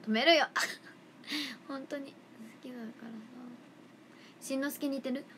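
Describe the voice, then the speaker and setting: A young woman idol chatting casually on a livestream, reading fan comments in a playful, chatty way that sometimes drops into soft whispers, close to the mic. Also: high-pitched, steady tone, unhurried, slight background noise.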